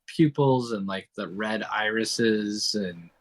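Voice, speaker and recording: Guy with a lowish voice gushing over comic art. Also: slow, dry recording, poor audio. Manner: enthusiastic, gushing. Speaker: podcast co-host. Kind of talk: casual chat about comics.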